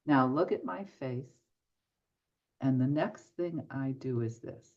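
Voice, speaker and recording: A woman's voice: very deep voice, takes it slowly, a little mellow. An older woman, a medium guesting on an interview show, tells stories and acts out both sides of each conversation. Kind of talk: anecdotal storytelling in a podcast interview. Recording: dull lo-fi audio.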